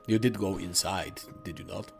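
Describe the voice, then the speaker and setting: A man's voice: low-pitched, moderate pace, vocal fry, a little mellow, soft background music. A man voicing a formal, stern male quest-giver in a tabletop game. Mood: reproachful. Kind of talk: in-character game master speech.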